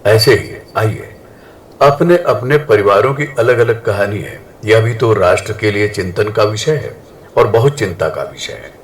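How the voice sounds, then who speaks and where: A man telling a family story in a slow, measured way, addressing his listeners as friends. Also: on the low side, lively intonation, a little hiss or hum. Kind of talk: spiritual storytelling.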